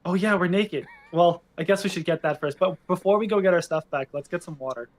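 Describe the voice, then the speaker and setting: A man plays along in a tabletop game with casual, joking chat. His voice is a little high, and he tends to ramble in loose slang. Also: fairly quick.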